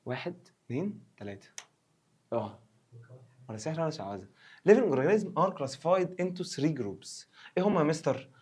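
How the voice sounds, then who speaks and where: Fast, joking Egyptian science teacher. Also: male voice, medium pitch, a little mellow. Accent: Egyptian Arabic. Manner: playful, joking, quizzes the viewer with quick questions; slows down when reading English text. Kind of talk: recorded revision lesson.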